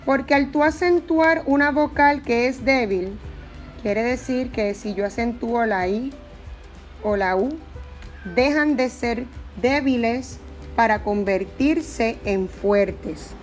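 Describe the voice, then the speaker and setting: A woman's voice: on the high side, slow, faint music behind. A woman teaching a Spanish grammar lesson, explaining patiently and repeating her examples.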